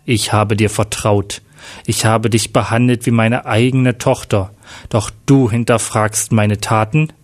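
A man voicing a ruthless male crime boss who speaks slowly and with menace. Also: on the low side, steady tone, faint music behind, lightly acted. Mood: menacing.

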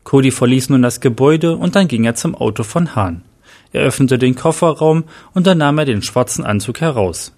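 A man reading out a dramatic story as narrator, at a plain, even pace. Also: medium pitch.

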